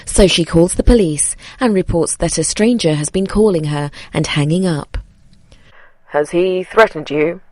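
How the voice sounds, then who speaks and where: A woman narrating a scripted horror story in a measured, suspenseful way. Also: fairly low pitch, warm tone, no room sound.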